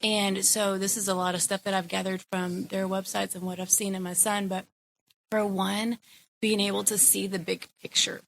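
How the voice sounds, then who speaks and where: Chatty woman with a gravelly edge. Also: mid-range voice, level tone, moderate pace, slight background noise. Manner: casual, chatty, many fillers. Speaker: guest, educator and mother. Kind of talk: conversational interview.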